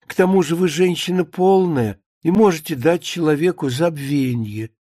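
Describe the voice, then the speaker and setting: A man's voice: a little high, normal speed, mellow, no room sound, studio quality, voice pushed up, close to an everyday voice. A man reading a pompous bachelor suitor. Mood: courting. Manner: flowery, pompous courting. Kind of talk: dramatic reading of a play.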